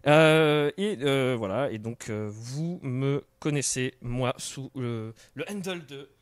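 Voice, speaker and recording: A man's voice: mid-range voice, takes it slowly, smooth, no echo. A young man hosting a live stream in casual chat, full of fillers and restarts. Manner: hesitant, many fillers and restarts. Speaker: stream host. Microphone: studio microphone.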